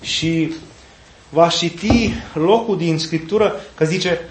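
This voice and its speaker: Animated preacher man in an echoey church. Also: fairly high pitch. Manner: folksy, animated retelling with playful asides. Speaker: Orthodox preacher. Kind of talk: sermon. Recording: echoey room, faint background noise.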